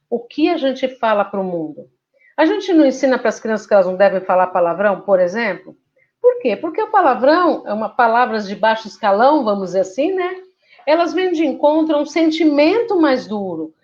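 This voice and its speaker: A woman's voice: high voice, darkish tone, muffled recording. A woman gives a conversational devotional talk and keeps asking rhetorical questions. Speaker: spiritist speaker.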